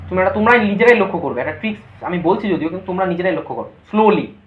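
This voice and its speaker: A woman's voice: fairly low pitch, expressive, very fast. A woman teacher explaining a grammar lesson, asking her students questions and then answering them herself. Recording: echoey, dull lo-fi room recording.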